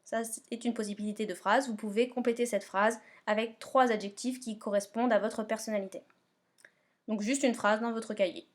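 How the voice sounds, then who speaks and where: High-voiced teacher giving patient instructions. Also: female voice, fairly even intonation, normal speed. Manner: patient, step-by-step, checks understanding. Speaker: English teacher. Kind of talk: remote lesson instructions.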